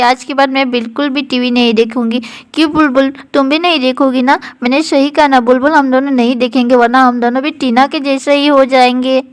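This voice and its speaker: A woman's voice: high-pitched, lightly acted. Woman doing teasing girl doll Khushi. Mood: pleading.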